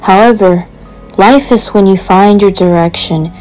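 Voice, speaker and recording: A woman playing a wry, caring wife in an animated series. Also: medium pitch, unhurried, soft background music, natural voice, poor audio. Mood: gentle. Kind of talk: animated web series dialogue.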